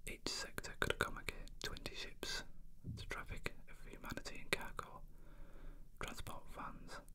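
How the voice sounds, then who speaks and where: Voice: moderate pace, sharp tone. A person reading a novel aloud in an unvoiced whisper, as ASMR narration. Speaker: reader.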